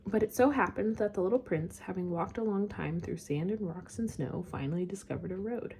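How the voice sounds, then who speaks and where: A woman reading a storybook aloud chapter by chapter, at an unhurried pace. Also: mid-range voice, warm tone, slight background noise.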